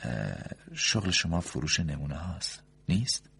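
A cold, calm, unblinking woman, as a man reading a story aloud puts her on speaks in a flat, insistent way. The voice stays very deep, with a rough, husky grain. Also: full character voice.

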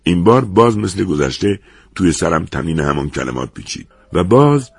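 A man narrating a first-person story in a lively, dramatic way. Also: low-pitched, gravelly, breathy edge, no room sound, studio quality.

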